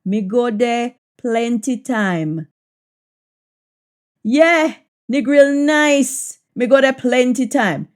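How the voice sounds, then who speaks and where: Female language teacher, Jamaican Patois, slightly high voice, very unhurried, repeats example sentences deliberately. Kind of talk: Jamaican Patois lesson, practice sentences said in English then repeated in Patois.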